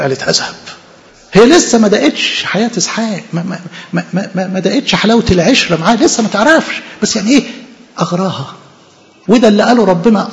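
Fast, high-voiced Egyptian preacher, gravelly. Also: male voice. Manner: fervent, asks and answers his own questions. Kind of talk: sermon. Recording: reverberant hall, dull lo-fi recording.

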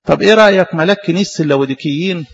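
A man's voice: on the high side, rapid-fire, creaky, slightly rough, lo-fi sound. A man with an Egyptian Arabic accent preaching a sermon, asking rhetorical questions and repeating phrases for emphasis.

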